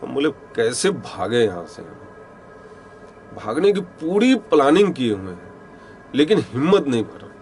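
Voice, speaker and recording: A man narrating a first-person ghost story in a rustic, halting storytelling manner, his voice often dropping low and hushed. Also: big pitch swings, soft background music. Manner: rustic storytelling, many pauses, some quoted lines spoken low and hushed.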